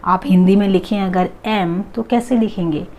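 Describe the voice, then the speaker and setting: A woman teaching an English grammar lesson, drawing out each example phrase slowly and clearly. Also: medium pitch, a little mellow. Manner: slow, drawn-out example phrases.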